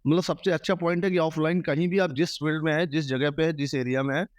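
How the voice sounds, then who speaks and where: A man's voice: on the high side, fairly even intonation, fast talker, dry recording, studio quality. A man who teaches maths, giving earnest advice to exam students in an interview. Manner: earnest, advising students directly. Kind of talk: interview answers.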